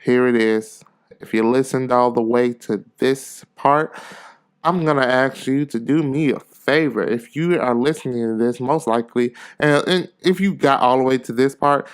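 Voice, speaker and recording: Still a bit congested as he recovers from a cold, this male podcast host rambles through casual, earnest motivation and repeats phrases to drive points home. His nose sounds stuffy, his pitch sits in the middle, and his moderate-paced voice comes through with a clean tone.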